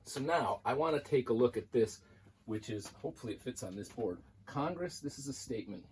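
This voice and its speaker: A college math instructor giving a lecture, working through examples on a board in a conversational, explanatory way. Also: male voice, mid-range voice, expressive, fairly quick, darkish tone, slight background noise, rough recording.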